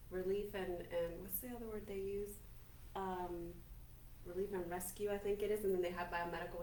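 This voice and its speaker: A woman's voice: mid-range voice, recorded from a distance. A woman in her forties, a native Spanish speaker from Colombia, telling her life story as a podcast guest in a chatty, upbeat, self-assured way. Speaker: podcast guest, business owner. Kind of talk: casual interview talk. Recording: roomy, from off-mic, faint hiss.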